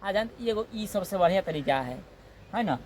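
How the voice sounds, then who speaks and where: A man's voice: high-pitched, expressive, moderate pace, a little mellow, a little hiss or hum. A man teaching grammar in a classroom, repeating points and often checking in with "है ना". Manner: repetitive, checks in with "है ना"; acts out comic example dialogue. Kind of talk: classroom lecture.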